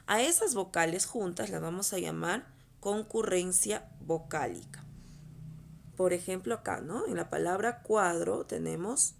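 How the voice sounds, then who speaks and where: Woman, primary school teacher, patient, rhetorical check-ins, gravelly edge, mid pitch. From Peru. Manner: patient, checks in often with rhetorical questions to the children. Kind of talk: recorded online class explaining over slides.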